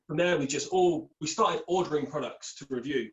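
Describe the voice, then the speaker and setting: A young Scottish man with an English accent, a beard product entrepreneur, speaks in a fairly high, brisk voice over a rough recording. He's a podcast guest on a call, chatting casually and rambling upbeat through his story.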